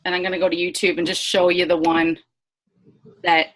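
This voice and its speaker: A woman's voice: lowish voice, little pitch movement, fairly quick, slight background noise. A woman leading a casual online sales training on a computer mic. She is flustered and apologetic, swearing under her breath, then chatty and encouraging. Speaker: team leader presenting a sales training. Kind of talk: casual live online presentation.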